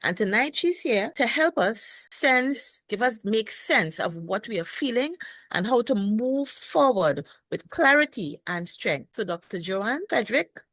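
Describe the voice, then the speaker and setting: A woman's voice: fairly high pitch, animated, unhurried, fairly bright tone, no room sound. Dry-voiced woman show host. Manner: reads a polished guest introduction, asks broad questions. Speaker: podcast host and nurse. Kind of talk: formal show introduction and interview.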